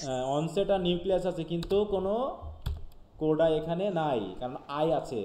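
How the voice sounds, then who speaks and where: Brief: Bangladeshi male teacher, slightly high and mellow, quizzes students mid-lecture, roomy echo. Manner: asks students questions, reads English definitions slowly. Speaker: English linguistics teacher. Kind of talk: live class lecture, mixing Bengali and English. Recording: echoey room, faint background noise.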